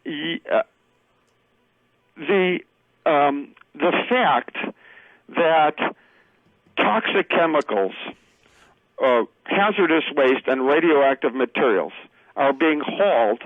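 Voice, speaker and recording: Halting man speaking over the phone. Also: a little high, animated, dry recording, narrow, tinny audio. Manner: halting, many fillers, earnest. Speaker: political candidate guest.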